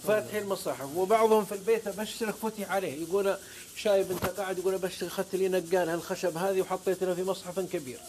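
A man's voice: sits high, fairly even intonation, rapid-fire, a little mellow, a little hiss or hum. A man with a Saudi accent, a guest preacher on a talk show, telling stories with fervent oaths and scripture quotes. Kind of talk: religious talk-show storytelling.

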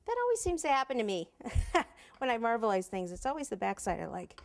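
With a sing-song, gravelly, slightly high voice, a woman in her forties talks fairly quickly while teaching cake decorating at home. She chats and thinks aloud as she goes in this casual tutorial, recorded on a lapel mic.

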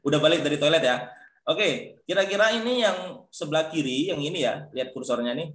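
A man's voice: a little high, animated, fairly quick, a bit bright, reverberant. A male lecturer teaching English pronunciation in an online class, calling on students by name and encouraging them. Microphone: video call.

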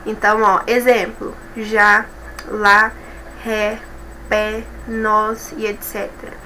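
A woman's voice: mid-range voice, flat delivery, slow pace, pushed and bright, a little hiss or hum, rough recording. A Brazilian woman teacher explaining grammar rules in an online review lesson, patient and methodical, often checking in with her students. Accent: Brazilian Portuguese. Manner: patient, explanatory, checks in with tags like "certo?" and "tá bom?".

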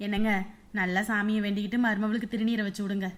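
A woman's voice: mid-range voice, level tone, quick pace, natural voice. A woman playing a middle-aged mother-in-law who reassures and gives orders in a family drama. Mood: reassuring. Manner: reassuring and commanding.

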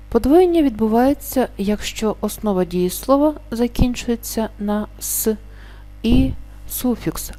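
A woman teaching a spelling lesson, explaining rules slowly and stretching out each example word. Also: medium pitch, warm tone. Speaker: language teacher.

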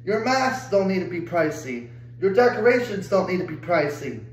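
Exasperated young guy ranting, cursing nonstop, high voice, faint hum behind. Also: sing-song, normal speed, echoey room, low-quality recording. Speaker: vlogger. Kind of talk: angry rant to camera.

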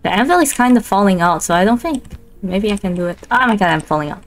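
A woman streamer chatting through a co-op game at an even middle pitch. She keeps exclaiming and laughing as things go wrong. Soft lo-fi music plays faintly behind her. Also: fast talker. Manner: excitable, laughs often, frequent exclamations. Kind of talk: casual gaming chat. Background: faint lo-fi background music.

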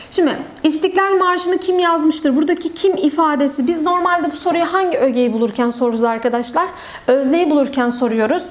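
High-voiced woman teaching grammar online. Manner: explains step by step, asks and answers her own questions.

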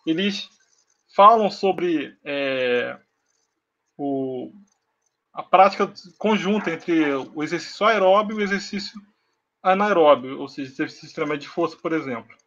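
A Brazilian man giving an online lecture over a video call, pausing often with filler sounds as he explains slides. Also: a little high, sharp tone. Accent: Brazilian Portuguese. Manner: hesitant, many filler sounds. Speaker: university lecturer. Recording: dull lo-fi video call audio.

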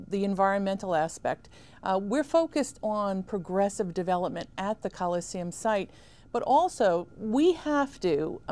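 A town supervisor in her fifties, with a lowish, dark-toned voice, answers interview questions on a small studio set furnished with armchairs. She speaks in a measured, emphatic way, picked up by a lapel mic.

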